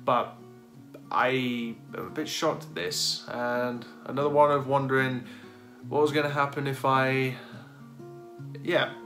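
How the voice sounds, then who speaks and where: A man in his thirties hosts a paranormal video in a casual, hesitant way. His voice is of middling pitch, and plucked guitar music plays clearly behind him. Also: steady tone, a little slow, pauses often, a bit bright. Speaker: paranormal investigator and video host. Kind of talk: casual talk to camera. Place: dark room indoors.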